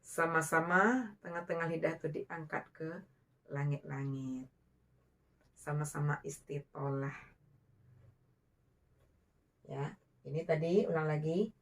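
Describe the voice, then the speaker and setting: A woman's voice: sits low, measured pace, long pauses. An Indonesian woman teaching Quranic letter pronunciation, patiently modeling and repeating each letter sound. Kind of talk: slow instructional explanation with demonstrations.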